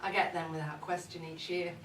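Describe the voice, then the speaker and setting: Playing a cheeky, boozy mother-in-law dishing gossip at Christmas, a woman performs a comic monologue before a live pub audience. Her lowish voice is flat and fairly quick, close to everyday speech, with a wry, bawdy, confiding, chatty manner. The crowd can be heard in the roomy, distant live recording.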